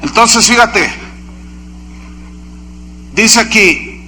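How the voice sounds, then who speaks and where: A man's voice: high-pitched, expressive, very slow, very noisy. A man preaching a sermon as pastor, emphatic and full of rhetorical questions.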